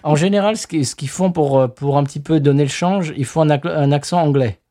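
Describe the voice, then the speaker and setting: Mellow-voiced man, rambling podcast chat. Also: on the high side, fairly quick. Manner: rambling, hesitant. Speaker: podcast co-host. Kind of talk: casual chat.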